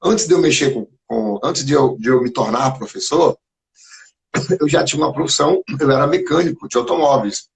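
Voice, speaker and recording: Here the Minas Gerais teacher speaks at medium pitch and a moderate pace, his voice gravelly as he shares anecdotes on a live stream where he's a guest. He animates the tales by acting out past conversations, all in a relaxed live-chat setting captured on a phone or computer.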